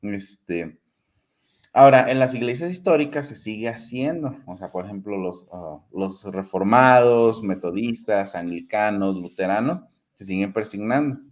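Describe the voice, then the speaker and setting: A man's voice: on the low side, measured pace. A man in a casual theology conversation, explaining points at length and repeating himself for emphasis.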